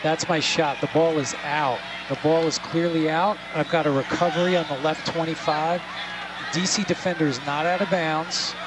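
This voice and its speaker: A man's voice: fairly high pitch, fairly even intonation, normal speed. A man working aloud through a football replay review as an official, in short, methodical statements. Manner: short declarative, methodical phrases. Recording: loud stadium crowd and noise.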